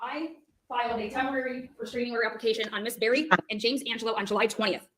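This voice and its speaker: Fast, rapid-fire questioning woman. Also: on the high side, fairly even intonation, fairly bright tone, a little hiss or hum, low-quality recording. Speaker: self-represented party questioning a witness. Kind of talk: courtroom questioning.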